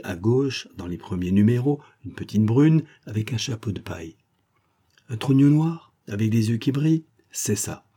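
A man voicing a cheeky young male actor-sleuth who talks in lively street slang. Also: mid-range voice, husky.

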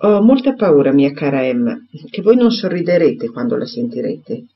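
A man reading aloud and voicing a grave, firm gentleman who delivers serious news steadily. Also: a little high, sing-song, normal speed, husky, exaggerated voice. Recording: dull lo-fi recording.

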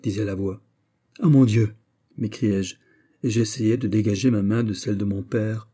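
A man reading a classic novel aloud as an audiobook, expressive and lifting his voice on exclamations. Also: lowish voice, moderate pace, slightly rough. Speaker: narrator.

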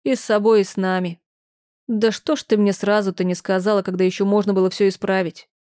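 A distraught mother in an audiobook, wailing reproaches and then snapping out short, hard commands, as a female reader puts her on. The tone stays mellow, not bright, even at its sharpest. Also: mid-range voice, a little fast, natural voice. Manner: lamenting, reproachful, clipped orders. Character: older mother, shrill, wailing, then stern.

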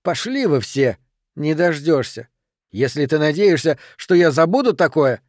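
A brash, hot-tempered young man who blusters and snaps, voiced by a male audiobook reader. The voice sits a touch high and dry, pushing hard on every line. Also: very animated, measured pace, no room sound. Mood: furious.

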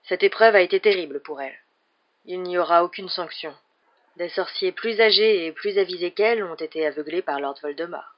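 An audiobook reader voicing a wise, gentle old male headmaster wizard who speaks calmly and kindly, unhurried. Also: mid-range voice, natural voice. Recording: dull lo-fi recording.

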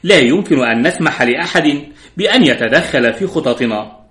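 A man voicing a cold, mocking French woman who leads a criminal gang, speaking softly and with icy calm. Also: a little high, a little fast. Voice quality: cold, soft-spoken. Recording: roomy echo.

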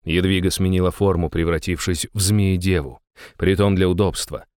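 A man narrating a first-person fantasy audiobook in an even, measured way, close to the mic. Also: sits low, no echo.

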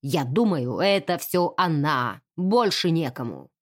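A woman's voice: low-pitched, big pitch swings, a little slow, voice pushed down, exaggerated voice. A woman voicing a blustering, drunk older male colonel who bullies and slurs, in an audiobook. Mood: slurring accusing. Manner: loud, bullying, slurring.

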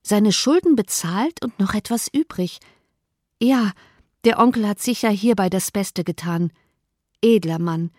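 A woman reading the lines of an earnest, quick-minded young woman in an audiobook, eager and pressing. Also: mid-range voice, a little mellow, dry recording, studio quality, natural voice. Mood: reflective.

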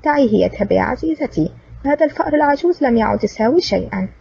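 A woman's voice: fairly high pitch, expressive, racing, creaky, dark tone, a little hiss or hum. A woman voicing a cool, sarcastic man, the hero of an audiobook adventure, speaking with cold mockery. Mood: cool sarcasm. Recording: distant, dull lo-fi recording.

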